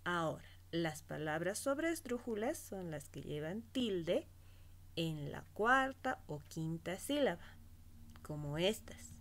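A woman teacher slowly giving a spelling lesson to children, stretching out each example word. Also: on the low side, very animated. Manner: slow, stretched-out teaching voice, pronouncing words syllable by syllable.

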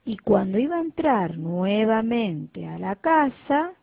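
Slow, animated woman storyteller. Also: mid-range voice, creaky, husky, no room sound. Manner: slow, lively and expressive. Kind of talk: children's story reading. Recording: tinny phone-like dry recording.

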